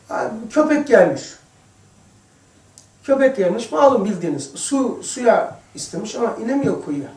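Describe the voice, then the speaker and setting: A man giving an informal religious lesson to a small group, chatty and addressing listeners by name, moving between hushed asides and emphatic passages. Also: sits high. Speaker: religious teacher. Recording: echoey room, distant mic.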